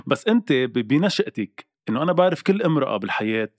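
Quick, animated Lebanese Arabic man. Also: medium pitch, no echo, clean studio sound. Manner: animated, argumentative banter. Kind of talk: casual playful chat.

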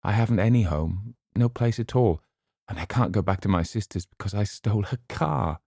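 A man reading an audiobook voices a young woman who laughs and pleads in a raised, high voice. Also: normal speed, creaky, mellow, breathy edge, no echo, studio quality. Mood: giddy pleading. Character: young woman, giddy and unmoored.

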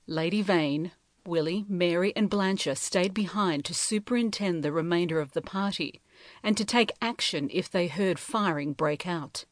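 A woman reading a novel aloud in measured, steady storytelling narration. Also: on the low side, dry recording, studio quality. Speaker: audiobook reader.

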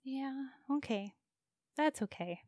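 Woman as a high-voiced, flustered, naive adventurer. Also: lively intonation, darkish tone, no room sound, clean studio sound. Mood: shy, curious. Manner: timid, halting, apologetic. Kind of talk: improvised tabletop role-play.

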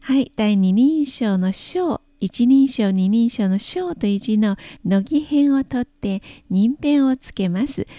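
Slow, mellow woman teaching a language. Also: on the high side, no echo. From Taiwan. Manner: slow, careful explanations with drawn-out example phrases. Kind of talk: radio language lesson.

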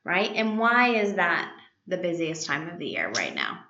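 Echoey warehouse interview, bright-voiced woman host. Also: fairly low pitch, normal speed, creaky. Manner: excited, enthusiastic. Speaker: podcast host. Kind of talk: conversational interview. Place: warehouse of a food hub. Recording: echoey empty-sounding warehouse, slightly muffled.

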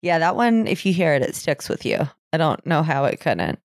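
A woman's voice: low-pitched, sing-song, moderate pace, dry recording, clean studio sound. A woman co-hosting a true-crime podcast, narrating a case in a casual way and swearing freely as she goes. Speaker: podcast co-host.

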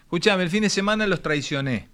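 A middle-aged man with an Argentine accent, hosting a radio show in casual, animated banter. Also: sits high, fast talker. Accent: Argentine Spanish. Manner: animated, breaks into shouted goal celebrations.

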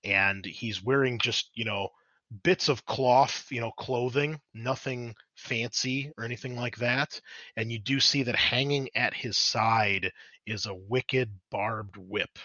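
A man's voice: mid-range voice, steady tone, slow, sharp tone, no room sound, highs cut off. A man narrating scenes as game master in a descriptive, rambling way. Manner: descriptive, with frequent fillers and restarts.

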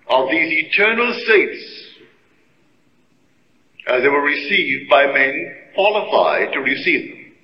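A man giving a sermon-like religious lecture, speaking deliberately and emphatically in short, weighty phrases. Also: on the high side, slight background noise. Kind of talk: sermon-like lecture to a live gathering. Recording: muffled old recording in echoey hall.

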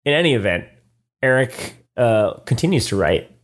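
A man's voice: mid-range voice, sing-song, normal speed. A man co-hosting a casual podcast, reading listener emails in a laid-back way with lots of ums and uhs. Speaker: podcast co-host. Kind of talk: casual chat.

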